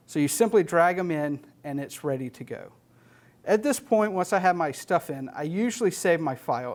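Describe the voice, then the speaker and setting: A slightly high-voiced American man in his thirties presents instructions from an indoor studio stage with an LED wall. His tone is a bit dark, and he stays plain-spoken and matter-of-fact, working through the material step by step like a technician.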